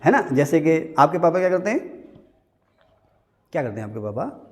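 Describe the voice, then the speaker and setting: A man's voice: a little high, very animated, moderate pace. A man teaching an economics class in a classroom, joking and quizzing his students in a conversational way. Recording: hall reverb.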